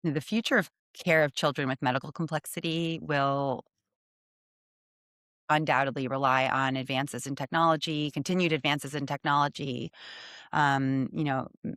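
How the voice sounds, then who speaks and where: A woman, a hospital medical director, speaking as a guest in a conversational storytelling way, reflective and measured with frequent pauses. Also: rumbling low, a bit bright, clean tone, no room sound, clean studio sound.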